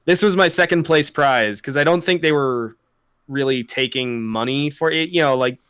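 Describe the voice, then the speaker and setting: A man's voice: a little high, moderate pace, fairly bright tone, clean tone, dry recording. A young man co-hosting a podcast, chatting casually, rambling, swearing a lot and laughing often. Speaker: podcast co-host. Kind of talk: casual chat.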